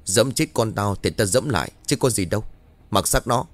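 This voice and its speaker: A man's voice: on the low side, moderate pace, no echo, natural voice. A man doing a cruel, hissing landlady. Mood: scornful. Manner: hissing, contemptuous scolding. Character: cruel arrogant landlady, middle-aged woman.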